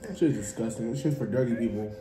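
A man's voice: medium pitch, animated, quick pace, warm tone. A young American man complaining and defending himself in slangy, casual banter with friends. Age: young adult. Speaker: food challenge participant. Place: indoor room at a dining table. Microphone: camera across the table. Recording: roomy echo, music underneath.

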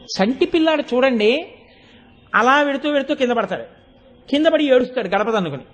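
Man giving an animated devotional sermon. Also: very high-pitched. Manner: animated storytelling, acting out quoted voices, chanting verses slowly. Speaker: spiritual discourse speaker.

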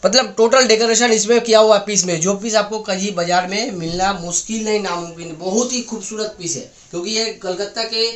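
Eager high-voiced man giving a factory tour. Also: fairly even intonation, brisk, few pauses, a bit bright. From India. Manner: eager sales pitch, repeats phrases, points things out. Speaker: factory guide showing kids' wear. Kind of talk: walking tour presentation. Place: indoor garment workshop and showroom. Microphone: handheld phone camera.

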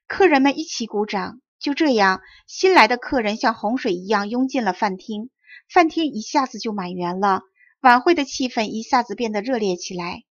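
A woman's voice: on the high side, animated, moderate pace, dry recording. Woman reading a children's storybook. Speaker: audiobook reader. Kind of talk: storybook narration. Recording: dry dull close recording.

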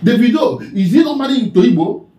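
A man's voice: extremely high pitch, animated, a little fast, mellow, reverberant, lo-fi sound. A man with a Nigerian accent delivering a preachy, scolding commentary, repeatedly calling out the person he addresses. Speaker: online commentator.

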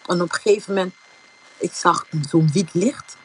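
A woman's voice: fairly low pitch, steady tone, normal speed, slightly rough. A young woman from the Netherlands telling a personal faith testimony in a casual, rambling way, with many fillers. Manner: informal, many fillers like "zeg maar", retells thoughts as quotes. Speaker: giving a testimony.

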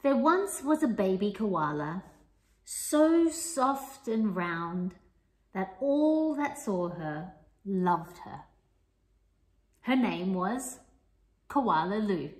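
A woman reading a picture book aloud to young children, playful and expressive, with sing-song rhymes and the odd whisper. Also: mid-range voice, drawn-out words, pauses often. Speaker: children's storyteller and teacher. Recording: echoey room.

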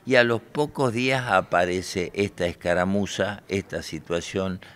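Lawyer at a press gaggle: man in his forties, very low voice, combative and indignant. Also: measured pace, fairly bright tone. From Argentina. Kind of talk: press interview. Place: bright room by large windows. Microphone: handheld reporter mics close.

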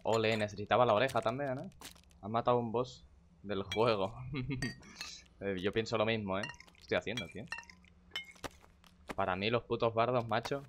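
A young man commentates his game at a home computer, rattling off casual, profane asides and greetings to chat. His voice sits on the low side. Faint background noise and keyboard clicks come through the mic. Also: steady tone, a little fast, long pauses. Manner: chatty and profane, muttering to himself and greeting chat viewers. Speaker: gaming streamer. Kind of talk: casual live-stream commentary.

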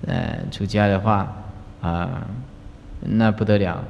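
A man's voice: slow pace, gravelly, lo-fi sound, a little hiss or hum. A man, a Buddhist master, giving a folksy, teasing talk on the precepts to retreat participants. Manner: folksy, teasing, chuckling asides, lively swings in pitch. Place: large lecture hall. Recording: long hall reverb.

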